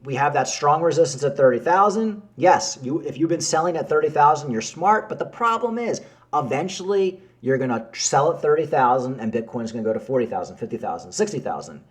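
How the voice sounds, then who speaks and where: A man delivers casual market commentary straight to his viewers in a voice that sits a little high. He is animated and repeats himself as he makes his points. He keeps calling his audience folks. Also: a little fast, few pauses. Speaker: crypto YouTuber.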